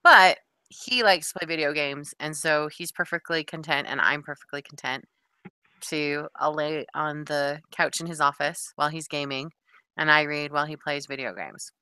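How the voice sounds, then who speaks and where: A woman's voice: deep voice, moderate pace, pushed and bright, clear, resonant tone, dry recording. A middle-aged woman co-hosting a podcast, telling rambling stories with lots of asides in casual chat. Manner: rambling, chatty storytelling with many asides. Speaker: podcast co-host.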